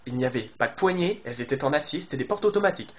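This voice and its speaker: A man's voice: on the high side, expressive, rapid-fire. A man casually commenting on a game trailer, addressing his viewers and thinking aloud with lots of fillers and restarts. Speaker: video game YouTuber.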